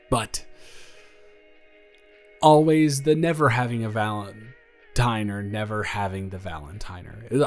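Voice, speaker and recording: With a lowish voice, a man plays a nervous, earnest best friend confessing a crush in improvised audio roleplay, his speech halting and rambling. Music plays in the background.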